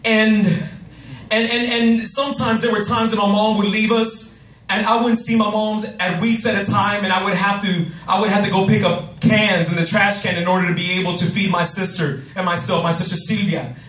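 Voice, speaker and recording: A man giving an emotional, animated motivational talk to young people, telling his life story into a handheld microphone and often repeating himself when stirred up. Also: sits high, moderate pace. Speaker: motivational speaker. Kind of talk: personal storytelling speech to youth. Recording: roomy, distant microphone sound.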